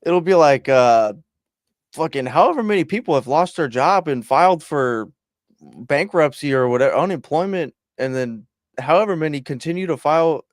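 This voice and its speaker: A man's voice: on the high side, lively intonation, normal speed, dry recording, clean studio sound. A young man co-hosting a podcast in laid-back casual chat, laughing often and swearing casually. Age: young adult. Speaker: podcast co-host.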